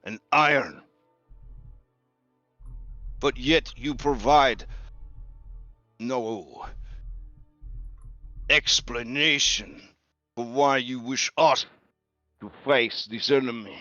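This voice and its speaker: Guy doing an old gruff mountain chieftain for a tabletop game, proud n angry, slow halting delivery, music behind. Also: mid-range voice, bright, forceful tone, dry recording, lo-fi sound, voice pushed up. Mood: scornful, challenging. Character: ancient proud gruff mountain warrior chieftain, simmering anger.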